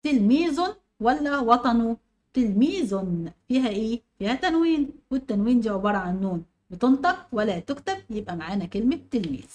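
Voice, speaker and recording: Egyptian woman teacher, quick-spoken, slightly high voice, walks pupils through exercises. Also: lively intonation. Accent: Egyptian Arabic. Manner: explains step by step, quizzing pupils. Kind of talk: online grammar lesson.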